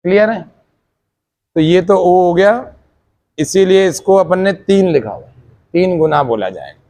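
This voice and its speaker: A man with a fairly high voice teaches a meditation class. He goes through each point step by step and keeps checking that his students have understood before moving on. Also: lively intonation, a little slow, dark tone.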